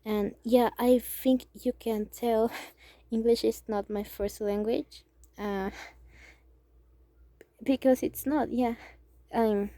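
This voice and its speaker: A fairly high-pitched woman with fairly even intonation narrates a drawing tutorial. She is a young amateur artist from Mexico with a Mexican Spanish accent, using English as her second language, and her soft-spoken, casual delivery is hesitant and halting, sometimes dropping to a near whisper as she thinks aloud. There's no room sound.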